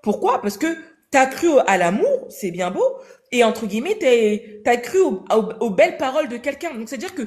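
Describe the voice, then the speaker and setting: A young woman telling a story casually in an interview, animated and slangy, acting out the dialogue. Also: fairly high pitch, moderate pace. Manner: animated, slangy, acts out dialogue in quoted voices.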